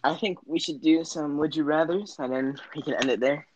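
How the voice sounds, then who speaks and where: A man's voice: fairly high pitch, brisk, a little mellow, low-quality recording. Teasing teenage guy on a video call. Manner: laughs often, teasing banter. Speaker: host. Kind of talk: casual chat.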